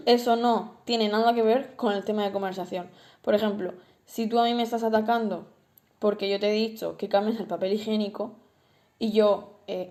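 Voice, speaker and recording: A woman from Spain speaks in a Spanish accent at a middle pitch. She hosts a relationship-advice podcast and explains step by step, working through everyday examples and pausing on filler sounds. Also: warm tone. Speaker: podcast host.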